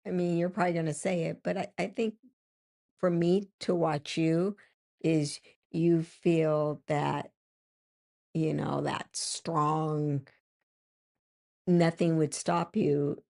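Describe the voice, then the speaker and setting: An older woman co-hosts a podcast with her husband. She talks slowly and reflectively, often stopping and starting over, and her lowish voice has a gravelly edge. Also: level tone, warm tone. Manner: hesitant, reflective, many restarts. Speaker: podcast co-host. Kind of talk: casual chat.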